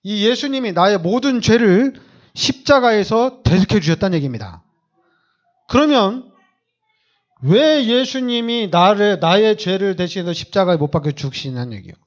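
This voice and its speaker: A man's voice: high voice, sing-song, moderate pace, highs cut off. A man preaching a sermon as pastor, emphatic and repetitive, with many rhetorical questions.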